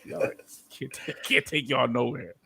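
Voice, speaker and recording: A man's voice: mid-range voice, steady tone, a little slow, creaky, pushed and bright, breathy edge, dry recording. A man in his thirties hosting a casual podcast chat, joking around and reading viewer comments aloud. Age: 30s. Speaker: podcast host.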